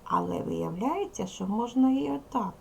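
Gravelly-voiced woman teaching young children. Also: fairly high pitch, lively intonation, warm tone, a little hiss or hum. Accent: Ukrainian. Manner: slow, careful, deliberate explanation to young pupils. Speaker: primary school teacher. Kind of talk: recorded video lesson for children.

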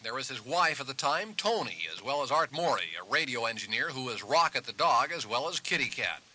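Bright, lively male TV reporter narration. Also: mid-range voice, husky, low-quality recording. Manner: wry, measured storytelling. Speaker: field reporter. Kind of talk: scripted narration.

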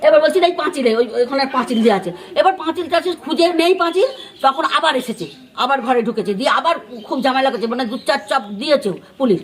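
Fast and high-voiced, this West Bengali neighbour tells a news crew what she saw in an on-the-spot interview. Her account, in a West Bengali accent, wanders with fillers and restarts, and she acts out other people's words as quotes.

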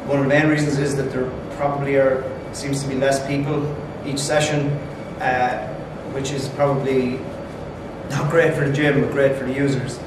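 A man in his forties with an Irish accent speaks plainly, pausing now and then to find his words. The room is very echoey. He is recorded from a distance over steady background noise. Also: medium pitch. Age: 40s. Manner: hesitant, plain-spoken. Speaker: gym member, powerlifter. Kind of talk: casual testimonial. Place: indoor gym.

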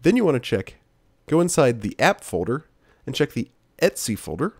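A man narrating a software tutorial screencast as instructor, in a steady, plain-spoken, explanatory way. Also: mid-range voice, normal speed, slightly rough, no echo.

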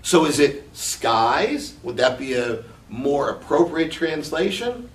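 A man teaching from scripture in a slow, reflective way, explaining the meaning of Hebrew words. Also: fairly high pitch, big pitch swings. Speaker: Bible teacher. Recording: echoey room, mic at a distance, faint background noise.

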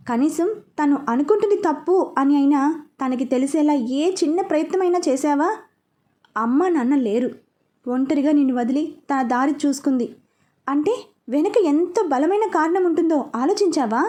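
A woman's voice: high-pitched, warm tone, lightly acted. A woman voicing a playful, teasing young male police officer in a storybook reading. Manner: teasing, persuasive.

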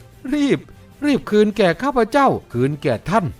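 A man's voice: high voice, sing-song, normal speed, faint music behind. A man voicing a sly, teasing young noblewoman in an audiobook, talking in a sweet, mocking tone. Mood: flustered. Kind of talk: audiobook character voice.

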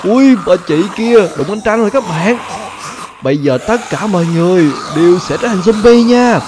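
A man voicing a glitched male zombie demon with a raspy, croaking voice, excitedly exclaiming to viewers. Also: sits high, moderate pace, background noise, pitched above the performer's own voice. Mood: alarmed.

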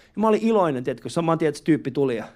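High-voiced man doing stand-up on stage. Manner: animated storytelling, acts out taxi drivers; frequent swearing and filler words. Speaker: stand-up comedian. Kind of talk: stand-up comedy set. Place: live comedy club stage. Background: audience laughter.

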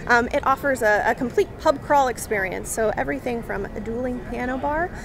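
A woman's voice: fairly high pitch, brisk, vocal fry, a crowd in the background. A young woman, a marketing director, answers interview questions outdoors on a waterfront plaza in an upbeat, promotional way with frequent ums. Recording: outdoor noise behind the voice.

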